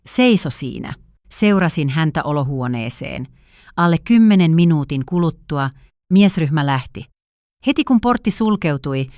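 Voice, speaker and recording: A woman narrating a first-person family drama story in an even, measured way. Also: deep voice, no echo, studio quality.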